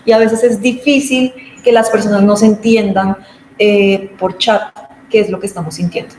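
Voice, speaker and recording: A woman lectures informally, explaining patiently and acting out little everyday scenes. Her voice sits at an ordinary middle pitch. The room gives it a noticeable echo, with a faint hum of ambience behind her. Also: steady tone, moderate pace, darkish tone. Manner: explanatory, acts out everyday examples. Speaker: speaker on patient communication.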